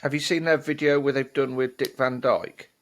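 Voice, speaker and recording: A man's voice: mid-range voice, fairly even intonation, normal speed. A man co-hosting a casual music podcast, talking in a wry, rambling way with lots of hedges. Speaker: podcast co-host.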